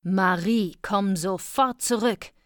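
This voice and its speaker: A woman voicing an angry, strict mother who scolds her daughter in a sharp, hissing tone. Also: medium pitch, slow pace, dry recording, clean studio sound. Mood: shouting.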